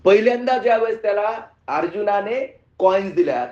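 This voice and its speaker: Animated male spiritual teacher, echoey. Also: high voice, a little fast. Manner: animated storyteller, asks the audience questions. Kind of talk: sermon with storytelling. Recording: echoey room, muffled sound.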